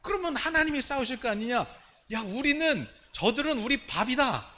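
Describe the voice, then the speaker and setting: A man voicing two bold scouts who urge the people on with eager, rousing shouts. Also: extremely high pitch, very animated, moderate pace, a little hiss or hum, voice pushed up, heavily acted. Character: two bold young male scouts, fired up.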